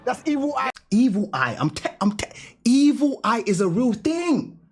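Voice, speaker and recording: Husky, slangy man vlogging. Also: high-pitched, moderate pace. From Denmark. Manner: slangy, animated, laughing often. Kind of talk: casual storytelling to camera.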